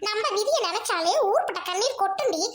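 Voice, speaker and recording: A woman with a Tamil accent voicing bickering, scheming village women in a cartoon, with a shrill voice. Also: lively intonation, a little fast, noisy background. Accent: Tamil, Trichy region. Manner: bickering, mock wailing. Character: sharp-tongued, scheming village women, adult. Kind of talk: cartoon voice acting.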